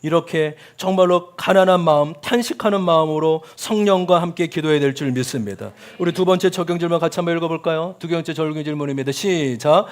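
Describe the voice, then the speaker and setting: A male pastor with a high-pitched voice delivers a sermon to his congregation. He asks them questions and calls for amens. He rises to loud cries, then drops to soft asides. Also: fast, hardly any pauses. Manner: talks straight to the congregation with questions and calls to say amen.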